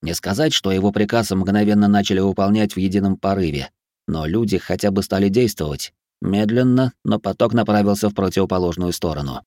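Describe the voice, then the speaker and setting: A man reading a first-person audiobook in steady scripted narration. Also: sits low, a little fast, no room sound, studio quality.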